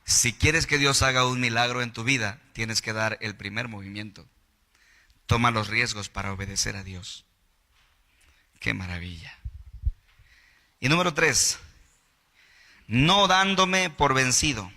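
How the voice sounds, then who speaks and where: A Mexican pastor preaches with animated energy and acts out the voices of the figures in his stories. His tone is very bright and sharp. The sermon rings out with a long reverb in a church hall. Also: on the low side, unhurried, long pauses. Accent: Mexican Spanish.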